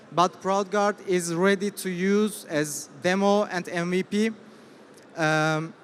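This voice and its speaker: A man with a Turkish accent giving a business pitch in halting, hesitant English. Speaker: startup presenter. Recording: reverberant hall with faint noise.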